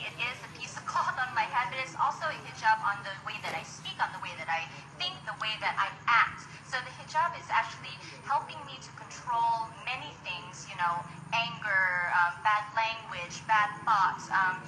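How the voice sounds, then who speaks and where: A woman's voice: fairly high pitch, echoey room, poor audio. An American woman answering interview questions in an upbeat, emphatic way. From United States.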